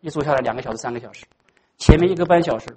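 A pastor preaching a sermon in a dramatic way, swinging between hushed and loud and dropping English words into the speech. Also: medium pitch, rapid-fire, slight background noise, low-quality recording.

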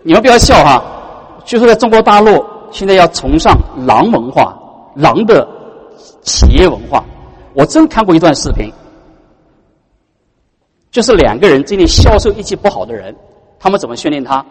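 Male pastor, sermon, husky tone, rhetorical questions, reverberant church hall. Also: a little high, moderate pace, long pauses. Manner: animated, full of rhetorical questions to the congregation.

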